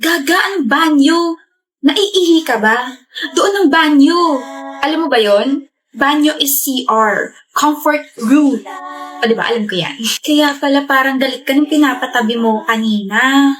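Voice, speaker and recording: A woman's voice: sits high, unhurried. A woman playing a sassy brash young woman. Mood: teasing. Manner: sassy, loud and teasing. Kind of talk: skit acting.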